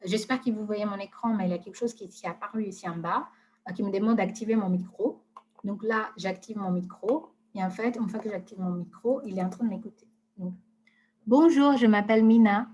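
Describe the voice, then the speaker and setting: A woman presenting software in a live webinar, talking casually with many hesitations and fillers. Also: mid-range voice, steady tone, brisk, slight background noise.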